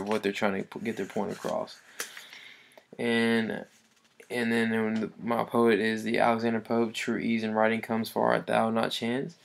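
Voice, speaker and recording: Man presenting to a class, low flat delivery, halting and full of fillers. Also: creaky. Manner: halting, with many fillers and restarts. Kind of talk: informal class presentation on poetry.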